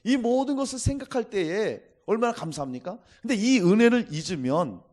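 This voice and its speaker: A man's voice: high-pitched, animated, brisk, darkish tone. A man preaching a Sunday sermon as pastor, emphatic and exhorting his congregation again and again.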